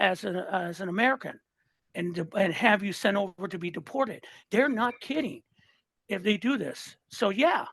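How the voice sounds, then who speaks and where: His voice is high, creaky and a bit bright, recorded close and dry with no room sound. He's a fired-up listener guest in his sixties from Southern California, talking politics casually in bursts, repeating and restarting words.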